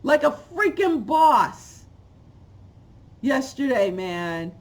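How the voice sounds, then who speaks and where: A woman in her forties, from Haiti but raised in New York, rants animatedly to a webcam at close range while speaking very slowly. A channel host, she delivers an opinionated vlog rant from an indoor room at home with bookshelves, swinging from loud exclamations to low asides.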